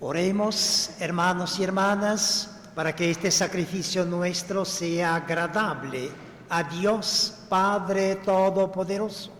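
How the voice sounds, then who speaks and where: A man, a priest, reciting solemn Mass prayers in a measured, formal manner with a cathedral-like echo. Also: high-pitched, steady tone, a bit bright. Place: large reverberant church. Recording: cathedral-like echo, long church reverb, background noise.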